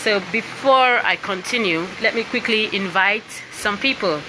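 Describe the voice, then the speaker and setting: A Nigerian singer and voice coach speaks casually to live-stream viewers while presenting her book, often checking in with "all right?" and "you understand?" in Nigerian English. Her mid-range voice moves at a moderate pace. She's indoors with a piano and laptop, and there's background noise.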